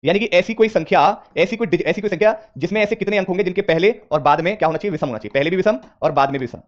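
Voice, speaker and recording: Fast-talking man teaching reasoning. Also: high voice, lo-fi sound. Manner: repetitive, coaxing, mixes English terms. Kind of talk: live online class teaching.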